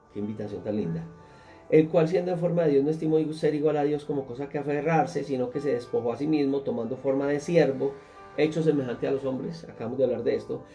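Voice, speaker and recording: A man's voice: medium pitch, warm tone. A man, a pastor, teaching a Bible class and speaking earnestly, putting questions straight to his listeners.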